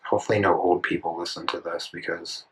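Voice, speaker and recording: A deep-voiced man in his twenties, an art channel host, talks fast and flatly while drawing in a sketchbook at his indoor desk. He rambles casually, correcting himself as he thinks out loud, and the audio quality is poor.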